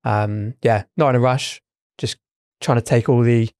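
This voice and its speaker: Man, thoughtful, hesitant, lots of fillers, mid-pitched, dry close sound. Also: fairly even intonation, measured pace, a little mellow, no room sound. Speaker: podcast co-host. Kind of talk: casual chat.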